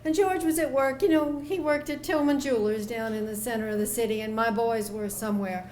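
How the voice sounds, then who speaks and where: A woman voicing a calm, folksy older woman neighbor, recounting in an unhurried, homespun way. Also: fairly high pitch, echoey room, slight background noise, lightly acted. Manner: unhurried, homespun storytelling with down-home phrasing.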